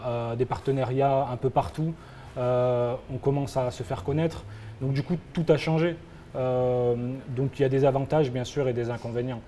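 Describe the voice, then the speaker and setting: A young Frenchman, the founder of a football agency, answers interview questions as a guest, hesitating often and filling his replies with fillers and restarts. His mid-range voice is mellow, and a little hiss or hum runs under the recording.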